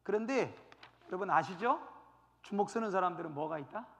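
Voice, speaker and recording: A male pastor teaching a Bible study sermon, telling the story in a lively way with lots of rhetorical questions and acted-out scenes. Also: high voice, a little fast, long reverb tail. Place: church sanctuary.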